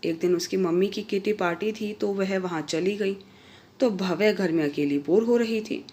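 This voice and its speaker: A woman telling a scripted family story, voicing each character's lines herself with raised pitch and volume. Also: moderate pace, a little mellow. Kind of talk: scripted story narration with acted dialogue.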